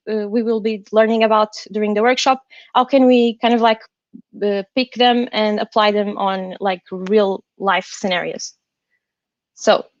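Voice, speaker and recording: A woman's voice: on the high side, no echo, highs cut off. Careful, from a woman. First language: not English. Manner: careful English, hesitant and halting. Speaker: designer presenting a workshop. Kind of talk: online workshop presentation. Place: indoors on an online call.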